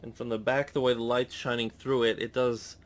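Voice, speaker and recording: A man's voice: mid-range voice, flat delivery, brisk. Chatty man rambling through an unboxing. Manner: rambling and chatty, with frequent restarts and self-corrections; curious, musing aloud. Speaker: vlogger unboxing a guitar. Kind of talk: casual unboxing commentary. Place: indoors at home.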